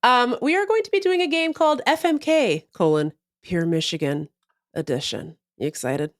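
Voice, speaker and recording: A woman's voice: fairly high pitch, moderate pace, dry recording, clean studio sound. A woman co-hosting a casual podcast livestream, laughing often as she talks. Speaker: podcast co-host.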